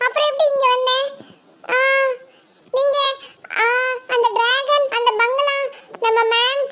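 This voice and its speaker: A woman's voice: extremely high pitch, steady tone, unhurried, a bit bright. A woman voicing Mini, a frightened schoolgirl doll who pleads and squeals in a doll story. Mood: bewildered.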